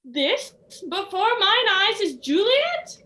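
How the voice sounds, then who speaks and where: A pompous, melodramatic young Romeo acted by a young woman declaims in mock-Shakespearean style. The voice is extremely high and piercingly bright. It rings in an echoey stage space, full of lovesick, easily wounded grandeur. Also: very animated, slow pace, a little hiss or hum, exaggerated voice. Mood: dismayed. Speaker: student actor in a stage play. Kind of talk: live stage comedy acting in mock-Shakespearean English.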